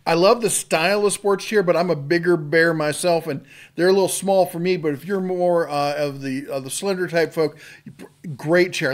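A middle-aged man hosting a tool channel, rambling through sale items in a folksy, casual way with lots of fillers and restarts. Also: a little high. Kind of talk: casual product rundown.

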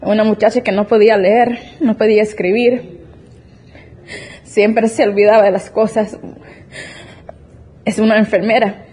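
A woman's voice: medium pitch, little pitch movement, measured pace, long pauses, dark tone, slight background noise. A young woman in her twenties giving an emotional, earnest church testimony, often restarting her sentences. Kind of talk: personal faith testimony.

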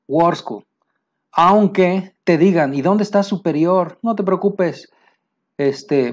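A man with a Mexican Spanish accent teaching military vocabulary, pausing to say each English term slowly and plainly. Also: a little high, a little mellow, lo-fi sound. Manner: explains terms, slows down for English words. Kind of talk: vocabulary lesson.

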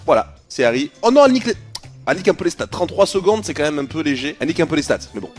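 A young man commentating a video game replay as a streamer, fast and slangy, dropping to mutters and then bursting into shouts. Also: fairly high pitch, sing-song, faint music behind.

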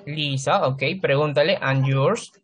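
A man teaching a children's English class, patiently correcting pronunciation and repeating words slowly. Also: fairly high pitch.

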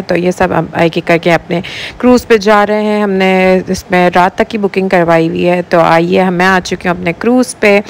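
A young woman from Pakistan narrating her travel vlog in a casual, chatty voice-over, pausing often with "uh". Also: medium pitch, slight background noise. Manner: chatty, relaxed, with many "uh" pauses. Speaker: vlogger.

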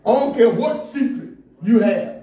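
A man preaching a sermon from the pulpit in rhythmic call-and-response style, building to shouts. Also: extremely high pitch, animated, normal speed, far from the mic. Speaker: pastor. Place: church sanctuary, indoors, at a pulpit. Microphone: stand mic at the pulpit, filmed from a far camera. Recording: echoey church room, heard from afar.

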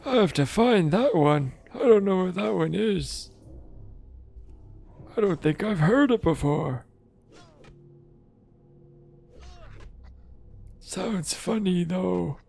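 A man voicing a crude, combative old madman adventurer in a gravelly, raspy voice, muttering and rambling in a game role-play. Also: sits high, animated, slow pace, a little mellow, full character voice.

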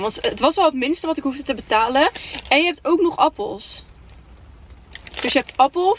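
A woman in her twenties with a Netherlands Dutch accent, chatting casually and excitably to camera with English slang mixed in. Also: high-pitched. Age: 20s. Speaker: vlogger. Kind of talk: casual vlog chat. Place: inside a parked car at night. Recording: faint background noise in car.

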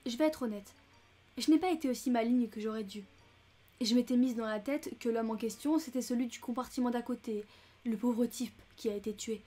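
Woman reader playing a chatty, indignant older American lady, mellow and fairly high. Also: fairly quick, natural voice. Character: talkative, fussy, easily upset older American lady. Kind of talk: audiobook character reading.

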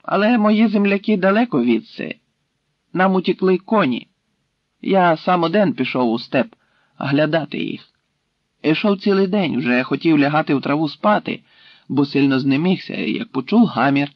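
A man's voice: on the high side, expressive, moderate pace, no room sound, pitched above the performer's own voice. A man voicing a proud young Tatar captive who insists defiantly, in a dry, slightly dull recording. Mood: guarded.

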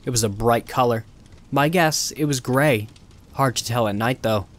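A man's voice: medium pitch, normal speed, fairly bright tone. Man narrating a horror story. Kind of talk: scripted first-person horror narration.

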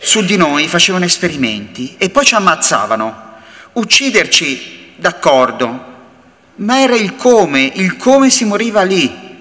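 A man giving an impassioned first-person dramatic reading at a remembrance event, dropping to hushed low lines and rising into raised outbursts. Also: big pitch swings, unhurried. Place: large university auditorium. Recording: reverberant hall sound.

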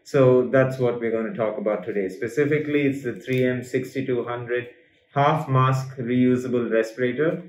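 A man's voice: mid-range voice, moderate pace, slight background noise. A man, a dentist, talking through a face mask in a casual review, explaining step by step as he demonstrates. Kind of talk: casual product review vlog. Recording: roomy, dull lo-fi sound.

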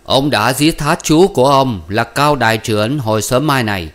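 A man voicing a flustered male doctor who calls out loudly and hurriedly in a story reading. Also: mid-range voice, pitched above the performer's own voice, close to an everyday voice. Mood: urgent. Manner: loud and hurried. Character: flustered male doctor bringing bad news.

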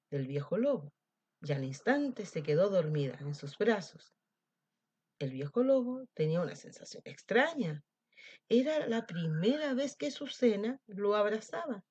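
Woman teacher reading a story, husky. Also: medium pitch, muffled recording. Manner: gentle, expressive storytelling. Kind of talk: storybook narration for children.

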